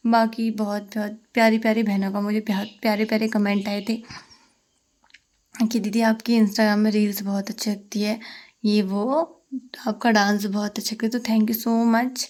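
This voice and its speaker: Young woman, casual home vlog, chatty, talking to viewers while cooking, phone-recorded, mid-pitched voice. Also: level tone, normal speed, a little mellow. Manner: chatty, talks to viewers as sisters. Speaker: vlogger. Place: home kitchen. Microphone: phone camera.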